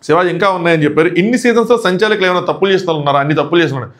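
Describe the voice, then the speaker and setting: వేగంగా మాట్లాడే తెలుగు పురుష సమీక్షకుడు. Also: male voice, sits high, very fast. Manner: animated retelling, acting out quoted exchanges. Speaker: show reviewer. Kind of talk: recapping and reviewing a reality show.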